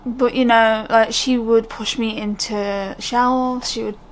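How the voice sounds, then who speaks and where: The audio is poor as a young British woman vlogs to camera in a casual, unscripted ramble, candid and prone to cutting herself off. Her voice sits on the high side, with fairly even intonation and a slow pace.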